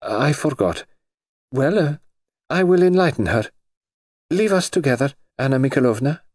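A man's voice: medium pitch, lively intonation, darkish tone, no echo, pitched above the performer's own voice, natural voice. A cheerful young grand duchess, bubbly and used to giving orders, with a man putting her on. The voice sits well above a normal man's and swoops about. The recording is dry and close. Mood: brisk. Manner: bubbly, commanding, quick to stamp her foot. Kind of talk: audiobook character voice.

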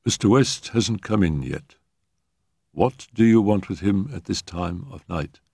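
A man voicing a young gentleman who imitates his servant's flat, expressionless voice. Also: low voice, unhurried, creaky, breathy edge, no echo, studio quality, heavily acted. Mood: guarded.

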